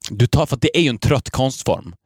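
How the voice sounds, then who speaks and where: A man's voice: mid-range voice, animated, slightly rough, no room sound. A man co-hosting a casual comedic podcast, teasing his co-host and building on his ideas with dry jokes, mixing languages.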